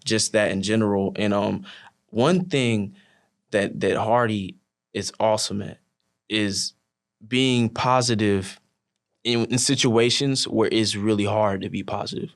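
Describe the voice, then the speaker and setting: A man's voice: on the low side, unhurried. Laid-back young man, lots of fillers. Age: young adult. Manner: relaxed, many fillers like "you know", animated when telling stories. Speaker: college wrestler, team captain. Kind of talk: casual interview chat.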